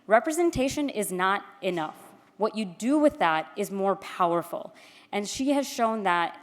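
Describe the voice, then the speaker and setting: A woman from Queens gives an informal, candid, self-deprecating podium speech as she introduces an honoree. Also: mid-range voice. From Queens, New York. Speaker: gala speaker introducing an honoree. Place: large indoor event hall, public address. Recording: echoey hall with long reverb.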